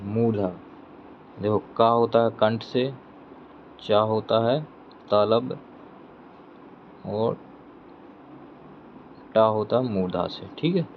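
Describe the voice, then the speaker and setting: With a lowish voice, a man leads an exam-prep grammar lesson, repeating each question before answering it himself and explaining step by step. He checks in with students using "theek hai," and the dull, lo-fi recording carries faint traffic noise.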